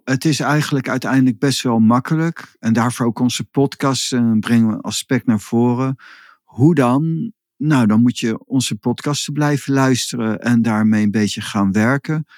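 A man co-hosting a podcast, explaining spiritual ideas in an unhurried, reflective way. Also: medium pitch, a little mellow, dry recording, studio quality. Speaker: podcast host. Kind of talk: casual podcast conversation.

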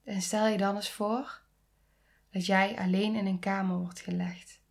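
A woman in her thirties hosting a podcast, speaking earnestly and intimately, often dropping into soft near-whispers and rising to emphatic pleas. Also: mid-range voice, flat delivery, unhurried, creaky. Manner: rises to emphatic, pleading tones. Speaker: podcast host. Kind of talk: reflective podcast monologue.

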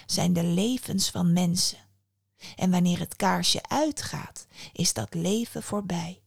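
An ancient, stern female spirit of death speaks low and close, her voice dropping to a whisper, as a woman puts her on. A gravelly grain runs under every word of this storybook figure. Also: slow, dry recording, full character voice. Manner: hushed, often whispered, lowered voice.

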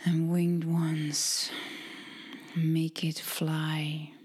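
A woman with a low voice leads a ritual invocation, speaking very slowly in a soft, breathy whisper. Her tone stays flat and even, and she leaves long, meditative pauses between phrases. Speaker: ceremony leader.

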